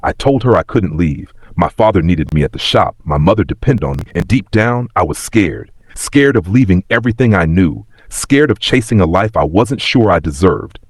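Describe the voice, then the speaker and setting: A man acts out a regretful, very old man reflecting plainly on his life in a read story. The voice is deep and husky, rising and falling expressively. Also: lively intonation, normal speed, few pauses, no echo. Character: wistful, regretful ninety-year-old man telling his past. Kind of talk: scripted story reading.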